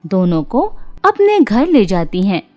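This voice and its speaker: With faint music behind her, a woman narrates a scripted children's story in a mid-range voice, her storytelling deliberate and expressive.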